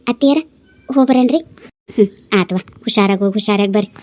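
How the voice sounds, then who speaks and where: A woman voicing women in a dubbed cartoon story, calm and advising. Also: medium pitch, fast talker.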